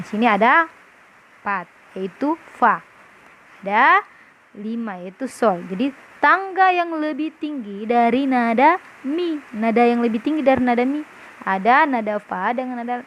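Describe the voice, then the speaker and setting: A woman's voice: a little high, fairly bright tone, a little hiss or hum. A woman primary school teacher reviewing a lesson for her pupils, explaining step by step and often checking whether they understand. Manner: patient, explaining step by step, often asks "paham?". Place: classroom with a whiteboard.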